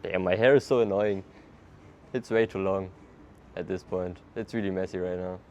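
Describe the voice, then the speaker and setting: In a casual outdoor city street interview, a young traveler answers questions in English with a German accent. He has a deep voice, talks at normal speed, and slight background noise is audible. He sounds relaxed, laughs often and phrases things loosely as a non-native speaker.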